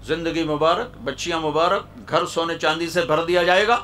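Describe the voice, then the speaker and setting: A man's voice: fairly high pitch, fairly bright tone, a little hiss or hum, lightly acted. A male preacher voicing a cruel tyrant king who threatens a woman, in a sermon story. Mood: threatening.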